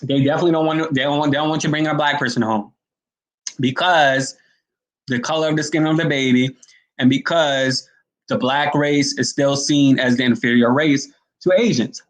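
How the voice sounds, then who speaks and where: A man's voice: mid-range voice, steady tone, moderate pace, low-quality recording. A man hosting a casual commentary stream, talking bluntly to his viewers and rambling between points. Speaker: commentary host.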